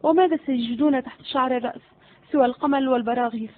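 A short-tempered, menacing vizier, as a woman reads him in a spoken storybook. The voice sits high, and the sound is thin and narrow, as if over a phone line. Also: rapid-fire, slight background noise, close to an everyday voice. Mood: impatient. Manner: impatient, menacing. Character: irritable threatening male vizier, older.

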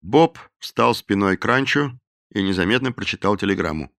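Expressive male audiobook narrator. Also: lowish voice, moderate pace, dry recording, clean studio sound.

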